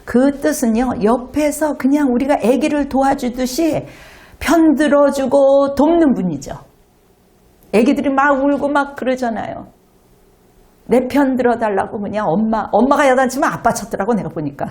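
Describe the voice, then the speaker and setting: A woman pastor delivers a lively sermon to her congregation in a church. Her voice sits somewhat high, and she slips into acted children's voices to make her points. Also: moderate pace. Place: church sanctuary.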